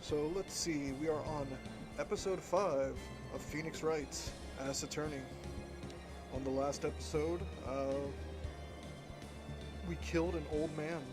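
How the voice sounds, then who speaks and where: Male gamer, slightly high voice, recorded under a blanket; rambling, unhurried let's-play commentary. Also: steady tone, music in the background. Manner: rambling, halting with many fillers. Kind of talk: casual gameplay commentary.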